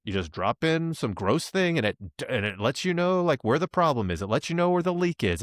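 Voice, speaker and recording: A man's voice: fairly high pitch, no room sound, clean studio sound. A man co-hosting a casual business podcast, talking loosely and acting out quotes as he goes. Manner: rambling, animated, acts out quotes. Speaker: podcast co-host.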